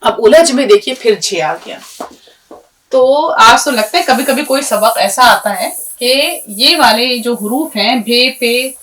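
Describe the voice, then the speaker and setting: Patient woman teacher spelling letters slowly. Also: a little high, expressive, a bit bright, recorded from a distance. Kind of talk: language lesson with a story.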